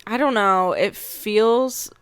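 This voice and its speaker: A woman's voice: mid-range voice, slow pace, clear, resonant tone, dry recording. A woman in her twenties co-hosting a podcast, chatting casually with a friend, tired after a late night and laughing often. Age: 20s. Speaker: podcast co-host. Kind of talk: casual chat.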